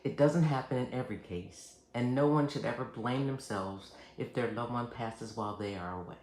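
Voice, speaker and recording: A man speaking as a hospice nurse and host, giving scripted educational narration in a measured, earnest, reassuring way. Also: medium pitch, a little mellow. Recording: roomy echo, faint background noise.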